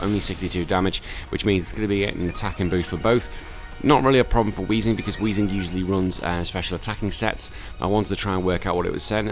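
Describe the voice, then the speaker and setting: A tired man who is recovering from illness casually commentates a Pokemon battle, using lots of fillers and correcting himself often. His voice sits low.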